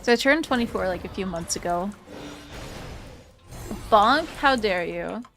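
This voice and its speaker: A woman's voice: medium pitch, animated, measured pace, fairly bright tone, faint music behind. A woman in her twenties chatting casually with her stream viewers, rambling and giggly with lots of fillers. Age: 20s. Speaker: VTuber streamer.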